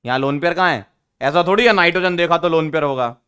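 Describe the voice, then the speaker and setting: A man teaching an online chemistry lesson, teasing his students and repeating key rules slowly for emphasis. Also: fairly high pitch, bright, forceful tone, smooth. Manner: teasing, addresses students as beta.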